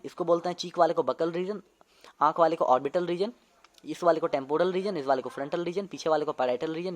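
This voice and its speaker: A young man, a medical student, casually teaching an anatomy lesson, demonstrating movements and often repeating terms to check understanding. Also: a little high. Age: young adult.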